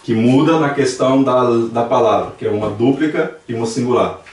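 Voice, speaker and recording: Speaking a bit fast in a mid-range, slightly mellow voice, a Brazilian Portuguese-accented man delivers a classroom language lesson. He's patient, repeating examples aloud as he explains. The church classroom echoes, and the mic is far from him.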